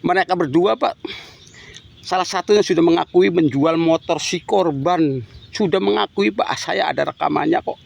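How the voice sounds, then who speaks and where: A man's voice: fairly high pitch, moderate pace, gravelly. A grieving middle-aged father making an impassioned, pleading public appeal to the authorities, repeating himself and addressing them respectfully over and over. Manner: pleading, repetitive, ends phrases with "Pak".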